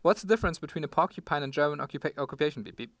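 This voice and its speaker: A man co-hosting a comedy talk show, reading jokes deadpan and tossing in "beep, beep" like a computer. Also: a little high, rapid-fire, no room sound.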